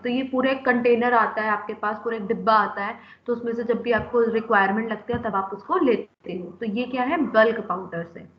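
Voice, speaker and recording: A woman's voice: fairly high pitch, reverberant, lo-fi sound. A woman teaching a pharmacy class, explaining step by step, often checking in with the students and mixing in English terms. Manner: explains step by step, keeps asking "है ना?". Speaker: pharmacy lecturer. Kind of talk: classroom lecture.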